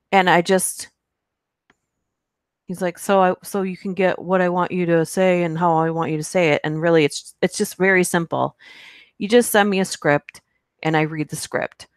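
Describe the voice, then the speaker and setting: This woman, who hosts a horror narration channel, speaks at a moderate pace in a voice on the low side. She's live-streaming, casually chatting with viewers and reading their comments, rambling with many fillers and giggles, all captured in clean studio sound with no room noise.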